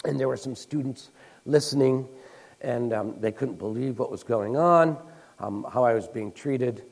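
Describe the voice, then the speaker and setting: A man's voice: mid-range voice, measured pace, creaky, a little mellow, low-quality recording. A man preaches in a loose, conversational way, winding through personal stories. He trips over restarts and fillers, then jumps into the voices of the people he quotes. His voice sits in an ordinary middle range. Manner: storytelling, acting out quoted people. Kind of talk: conversational sermon.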